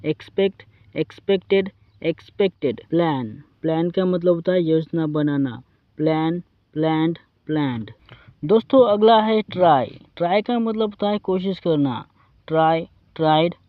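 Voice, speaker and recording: A man with an Indian accent teaching English vocabulary, reciting verb forms in a slow drilling way and addressing viewers as friends. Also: fairly high pitch, no echo, phone-quality sound.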